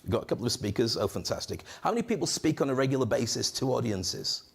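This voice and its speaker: A man with a gravelly, slightly rough, medium-pitched voice speaks fast from a conference stage. As host and public-speaking coach, he uses a handheld mic to crack jokes, stay animated and whip up the audience.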